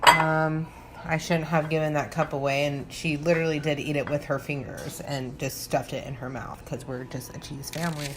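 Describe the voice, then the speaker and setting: Her deep voice barely moves in pitch and keeps a normal pace as she does a casual cooking demo in her home kitchen, chatting loosely, giggling and thinking aloud like she's tipsy. Kitchen ambience makes the recording noisy.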